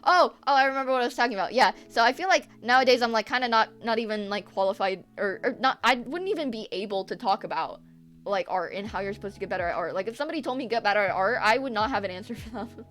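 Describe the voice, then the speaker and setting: A young woman chats on her art stream, drifting from topic to topic and forgetting what she was saying. She swears freely and works herself up into animated, laughing rants. Faint music plays softly behind her. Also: fairly high pitch, fast talker. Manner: rambling, swears often, loses her train of thought. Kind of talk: casual live-stream chat.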